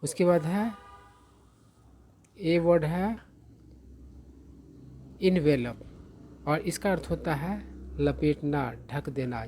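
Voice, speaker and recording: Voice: medium pitch, warm tone, slight background noise. A teacher giving a patient vocabulary lesson, explaining each word's meaning and often checking in with the class. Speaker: English teacher.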